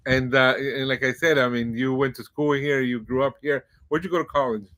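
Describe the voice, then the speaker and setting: A man's voice: mid-range voice, steady tone, fairly quick. Rambling middle-aged man hosting a podcast. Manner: warm-hearted, rambling, many fillers. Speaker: podcast host. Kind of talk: casual interview.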